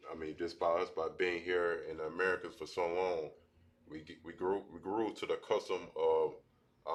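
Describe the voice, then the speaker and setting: A man teaching a language class at a board, talking in halting bursts with many restarts. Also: sits low.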